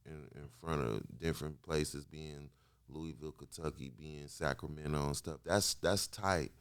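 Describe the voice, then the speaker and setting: A man in his late thirties from Kansas City, a musician guest telling stories in a slangy, animated way. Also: a bass voice, normal speed, clean tone, dry recording, clean studio sound. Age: 30s. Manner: slangy, repetitive, animated storytelling. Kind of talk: casual interview chat.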